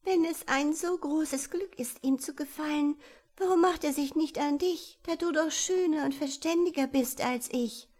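A woman's voice: sits high, normal speed, a little mellow, voice pushed up, natural voice. A woman voicing a shy, tearful young girl who speaks out bluntly, in a storybook reading. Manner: childishly outspoken, whiny.

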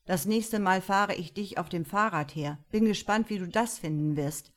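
A woman voicing a grumpy, cynical male police detective in a crime audiobook, with gruff sarcastic remarks. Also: on the low side, moderate pace, natural voice. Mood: grumbling.

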